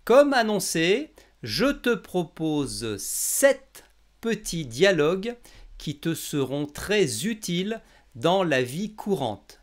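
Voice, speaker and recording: A man's voice: high-pitched, sing-song, takes it slowly. A man from France teaching in a scripted language lesson, articulating every word with exaggerated care. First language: French. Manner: over-enunciated, carefully articulated. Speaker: French teacher, lesson host.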